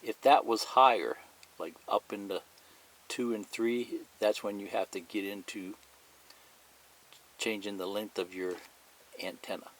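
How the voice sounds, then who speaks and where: On a rough recording, a man with a fairly low but somewhat bright voice talks a little slowly in a steady tone, pausing often. The hobbyist instructor works through a hands-on demonstration step by step, speaking plainly, repeating points, indicating things, and reading partly from a manual.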